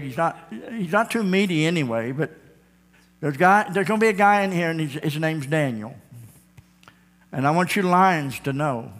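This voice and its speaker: A man's voice: on the high side, a bit bright, in a large hall, full character voice. A man preaching voices a stern male angel ordering lions not to touch a prisoner.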